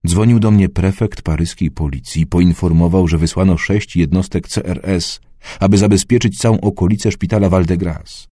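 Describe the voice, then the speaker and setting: A man voicing a grave, weary middle-aged politician who speaks low, slow and subdued in an audiobook. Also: warm tone, no echo, studio quality.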